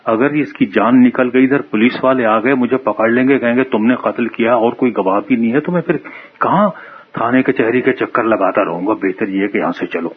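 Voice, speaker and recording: A man's voice: medium pitch, slightly rough, close to an everyday voice. A man voicing a pompous, self-serving older priest who frets and scolds in a storybook tale. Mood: fretful. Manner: suspicious, scolding, self-justifying. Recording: muffled phone-like radio sound.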